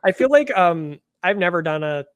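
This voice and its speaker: A man's voice: high-pitched, very animated, moderate pace, clean tone, no echo. Dry close-miked chatty man. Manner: chatty, lots of fillers, quoting others in little voices. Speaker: podcast co-host. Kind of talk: casual chat.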